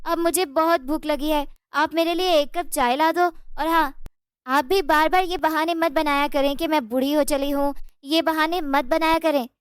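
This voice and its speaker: A woman voicing a spoiled, rude young daughter-in-law in a cartoon story, talking in a shrill, demanding way. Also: steady tone, normal speed, no echo, studio quality, lightly acted. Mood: bossy.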